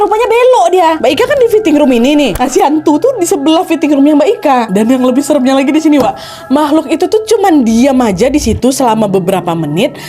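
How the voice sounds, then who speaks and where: A fairly high-voiced woman retells ghost stories in a Medanese Indonesian accent. She is expressive and chatty, drawing listeners in as if they were friends. Soft music plays behind her voice. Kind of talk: casual dramatic ghost storytelling.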